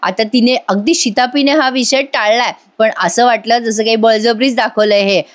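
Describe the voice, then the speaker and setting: A woman's voice: fairly high pitch, fairly even intonation, normal speed. A woman casually recapping a TV serial episode, chatting directly to her viewers.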